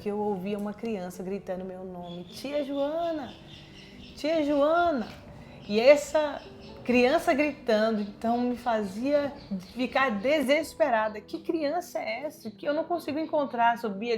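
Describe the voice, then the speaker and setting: Woman missionary, earnest testimony, mid-range voice, re-enacts what others said. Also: mid-range voice. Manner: earnest storytelling; acts out remembered dialogue. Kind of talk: personal testimony.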